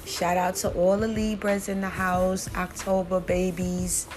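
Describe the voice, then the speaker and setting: A woman's voice: on the low side, little pitch movement, unhurried. A woman in her forties chatting casually with her viewers, rambling a little and using many fillers. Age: 40s. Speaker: vlogger and small business owner. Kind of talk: casual chat to camera. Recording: music playing behind her.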